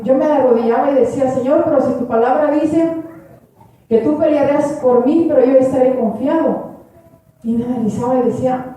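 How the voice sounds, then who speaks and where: A woman's voice: high-pitched, mellow. A woman giving an earnest church testimony, praying aloud and speaking to the congregation as brothers and sisters. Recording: echoey church hall from far off.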